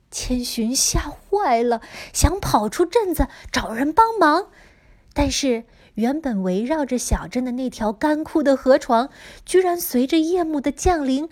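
A woman teacher telling a story to children, expressive and dropping into dramatic whispers. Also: on the high side.

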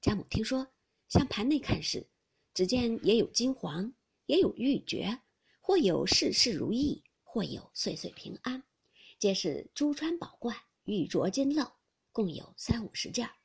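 A woman narrating a classic novel as an audiobook, with expressive, rhythmic phrasing. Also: fairly high pitch, a little slow, gravelly, husky. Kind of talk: storytelling reading of a classic novel.

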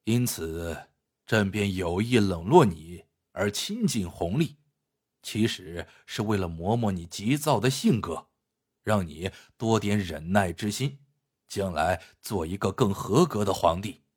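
A man voicing a stern, cold older emperor who is also a grieving father, speaking slowly and heavily in a low voice. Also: lively intonation, darkish tone, husky, full character voice. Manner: slow, heavy, low delivery.

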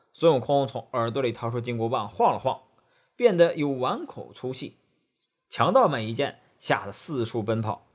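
Animated, slightly husky male storyteller. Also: mid-range voice. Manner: expressive, animated telling. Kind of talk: storybook narration.

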